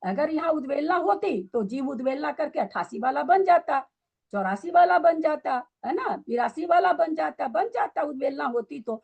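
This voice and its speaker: A woman's voice: high voice, expressive, normal speed, creaky, a little mellow. A woman teaching a scripture study class, quizzing and scolding her students with pointed questions.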